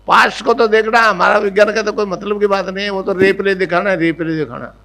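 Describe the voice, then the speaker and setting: A man's voice: high voice, fairly even intonation, quick pace, creaky, pushed and bright, poor audio. An older man, giving a spiritual discourse as a guru and often checking that listeners follow. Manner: rhetorical checks on listeners, repetitive chanting demonstration. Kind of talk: spiritual discourse to a live audience.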